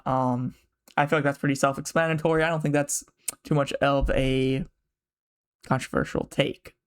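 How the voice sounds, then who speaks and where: A young man streaming from his bedroom, chatting casually and quickly, rambling with lots of fillers and swearing. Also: mid-range voice, steady tone, smooth. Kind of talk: casual live-stream chat.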